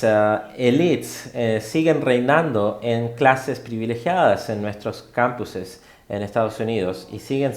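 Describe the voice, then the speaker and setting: Halting man interpreting a lecture, roomy sound. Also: on the low side. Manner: halting, with frequent fillers and self-corrections.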